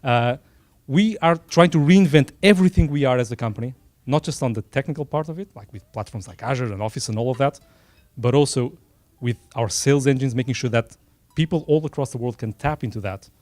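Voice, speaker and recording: Speaking a little quickly in a medium-pitched, slightly mellow voice, a middle-aged man from Portugal addresses a small dinner gathering as its sponsor. There's no room sound; his Portuguese-accented talk is informal, sincere, unscripted, and dotted with jokes at his own expense.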